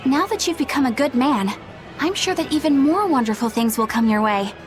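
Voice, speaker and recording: Young female traveller: game role, polite, curious, high animated voice, faint music. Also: a little fast. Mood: kind, encouraging. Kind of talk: video game voice acting.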